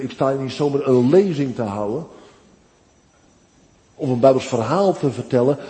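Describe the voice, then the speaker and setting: A man preaching a sermon to his congregation, earnest and deliberate. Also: mid-range voice, warm tone. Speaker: pastor. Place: church. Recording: long church reverb.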